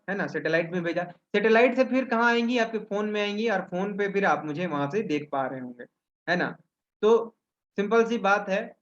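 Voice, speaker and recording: High-voiced man teaching over a webinar. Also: lo-fi sound. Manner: asks himself questions and answers them, with frequent "है ना?" tags. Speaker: webinar trainer. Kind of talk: explanatory teaching talk. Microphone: video call.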